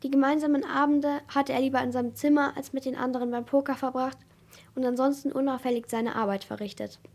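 Woman narrator, steady audiobook reading, somewhat high voice. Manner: steady, measured storytelling.

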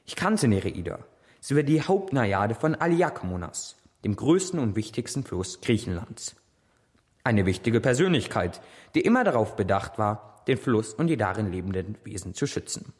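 A man reading a dramatic story in the first person, with an expressive, theatrical manner. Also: mid-range voice, long reverb tail. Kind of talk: scripted dramatic narration.

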